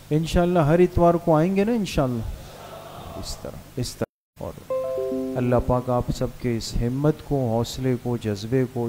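A man preaches to madrasa students in a mosque, mixing gentle exhortation with jokes. His voice is mellow and mid-pitched. A faint hum sits behind the recording. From Pakistan. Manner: jovial, asks students to raise hands, then leads recitations in a low murmur. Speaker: mufti addressing madrasa students. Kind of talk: sermon and guided supplication.

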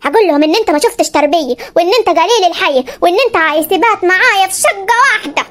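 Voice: expressive, a bit bright. A voice actor playing a stubborn young newlywed village bride in a comedy cartoon. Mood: scolding. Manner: sped-up, squeaky, rapid scolding.

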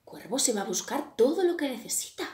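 A woman from Spain reads a children's story aloud with a high, lively voice. She tells it expressively and dramatically, with wide swings in her pitch. The recording sounds roomy and echoey. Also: a little fast. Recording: echoey room.

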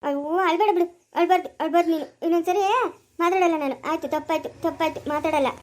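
A woman playing a sharp-tongued village mother and farm owner who scolds workers and coos to her baby. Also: extremely high pitch, steady tone, rapid-fire, background noise. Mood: soothing.

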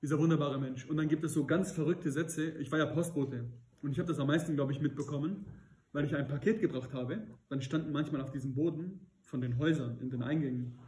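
A man leads a Bible study in an earnest sermon style, often turning to his listeners with questions. His voice sits a little high yet sounds mellow and warm, and he builds to emphatic peaks. The hall around him is roomy and echoing. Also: fairly quick. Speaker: preacher leading a Bible study. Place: church hall. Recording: echoey room.

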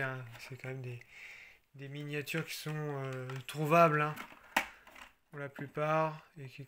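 Bright-voiced chatty French collector. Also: male voice, on the high side, slight background noise. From France. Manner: chatty, relaxed, with frequent fillers and restarts. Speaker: toy car collector vlogger. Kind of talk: casual show-and-tell.

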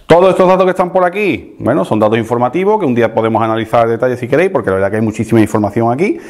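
A chatty man hosts a tool demonstration, talking quickly and checking in with his viewers. His mid-pitched voice swings up and down with lively emphasis. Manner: animated, chatty, addresses viewers directly with frequent tag questions. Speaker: DIY tool channel host. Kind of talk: casual tool demonstration to camera.

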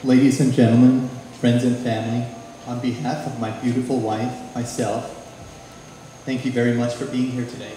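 A man, the groom, giving an earnest, slightly halting thank-you toast at his wedding reception in a string-lit barn. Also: medium pitch, flat delivery, dark tone, a little hiss or hum. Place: open-sided wedding barn with string lights. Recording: echoey barn hall over the PA.

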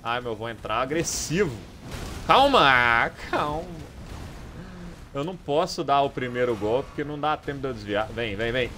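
A young man with a Brazilian Portuguese accent giving live gameplay commentary, excitable, swearing often and yelling at enemies. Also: medium pitch, normal speed, soft background music. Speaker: gaming streamer.

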